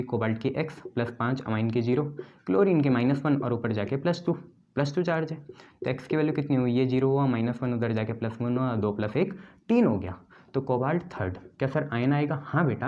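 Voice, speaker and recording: Dark-voiced Hindi chemistry teacher quizzing. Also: male voice, mid-range voice, muffled recording. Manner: quizzes students, answers his own questions; repeats key terms, playfully scolds.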